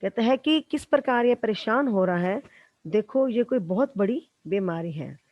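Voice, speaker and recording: A woman's voice: mid-range voice, expressive, moderate pace, dry recording, highs cut off. A woman teacher reading a story lesson aloud to schoolchildren and explaining each line in simple words.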